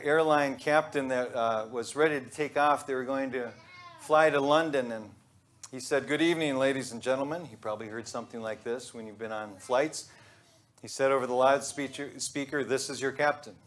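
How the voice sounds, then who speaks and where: A man in his thirties, a pastor giving a conversational, joking sermon in a church sanctuary. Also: mid-range voice. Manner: conversational and joking, with pauses and restarts.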